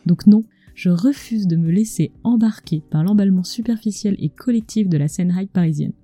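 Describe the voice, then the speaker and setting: This podcast host and culinary storyteller reads a scripted narration in a warm, mid-range voice at normal speed. The recording is dry, and she speaks intimately close to a mic with an acoustic screen, right in the listener's ear.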